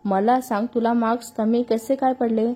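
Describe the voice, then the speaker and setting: A woman's voice: a little high, fairly even intonation, moderate pace, mellow, natural voice. A woman reading a story voices a cheerful young woman who teases her friend. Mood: teasing. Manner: amused, teasing.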